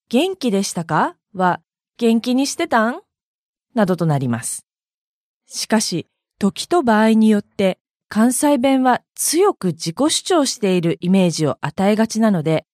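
A woman from Hyogo, Japan, hosting an audio blog and reading a clear, explanatory language lesson with spoken examples. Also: medium pitch, a little mellow, dry recording, clean studio sound. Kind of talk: scripted language lesson narration.

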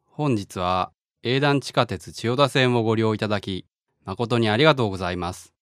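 Man playing a subway conductor, train announcement, formal courteous phrasing, lowish voice. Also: normal speed, dry recording, studio quality, close to an everyday voice. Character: polite male subway conductor making announcements.

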